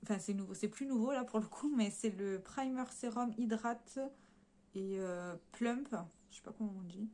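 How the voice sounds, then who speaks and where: A woman runs through a casual beauty haul at an everyday mid pitch. She talks straight to her viewers in a loose, chatty way, pausing on fillers and correcting herself mid-sentence. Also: warm tone. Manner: chatty, hesitant with frequent fillers and self-corrections; addresses viewers directly while showing swatches. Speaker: beauty vlogger.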